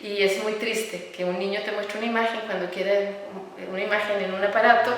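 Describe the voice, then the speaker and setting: A woman's voice: mid-range voice, fairly even intonation, fairly quick. Earnest Costa Rican woman in an echoey room. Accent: Costa Rican Spanish. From Costa Rica. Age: middle-aged. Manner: earnest, warm about children, many fillers and repeated words. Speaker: architect and educator, interview guest. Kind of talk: conversational interview. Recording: echoey room, recorded from some distance.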